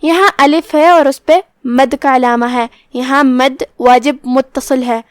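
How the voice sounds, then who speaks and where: A woman with a high-pitched voice leads a tajweed lesson, explaining pronunciation rules one word at a time. She recites the verses slowly, drawing out each sound. The recording is dry and close. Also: no room sound. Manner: slow, drawn-out recitation between steady explanations. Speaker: Quran recitation teacher.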